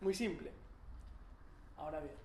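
A man's voice: a little high, measured pace, dark tone, slight background noise. A man with a Rioplatense Spanish accent teaching a Torah class, explaining ideas and asking the students questions. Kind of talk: religious class. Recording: echoey room.

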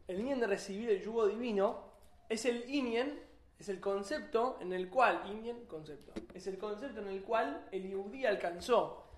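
A man with a Rioplatense Spanish accent teaching a Torah class, explaining ideas and asking the students questions. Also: high voice. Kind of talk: religious class. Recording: echoey room.

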